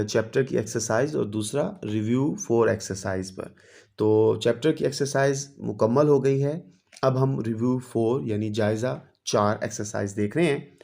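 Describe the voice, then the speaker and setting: A man teaching a primary English lesson, reading each English line slowly and then explaining it. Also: mid-range voice, darkish tone.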